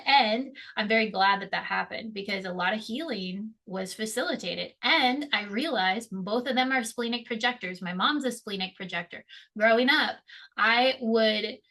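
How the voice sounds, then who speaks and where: A woman's voice: fairly high pitch, pushed and bright. A young adult woman hosting a solo podcast, talking candidly and emotionally, swearing freely and laughing at herself. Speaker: podcast host. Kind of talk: casual solo podcast monologue.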